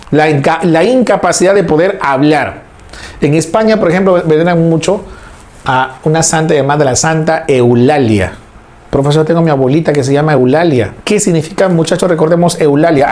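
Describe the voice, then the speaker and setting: A man's voice: a little high, a little mellow. A man teaching a recorded lecture, repeating key words and asking imagined students questions before answering them.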